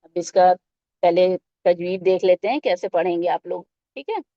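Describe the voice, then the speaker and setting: A woman's voice: lowish voice, warm tone, no echo. Woman teacher, patient and step-by-step, coaching kids through recitation with English words mixed in; dry, dull lo-fi recording. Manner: patient step-by-step explaining, asking the children questions. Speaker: Quran teacher for children. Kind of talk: tajweed lesson with slow recitation.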